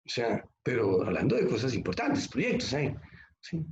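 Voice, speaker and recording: A man's voice: medium pitch, wildly swooping pitch, normal speed, a little hiss or hum. A man preaching a sermon as pastor, emphatic and conversational, often asking the listeners rhetorical questions. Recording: echoey, slightly muffled room recording.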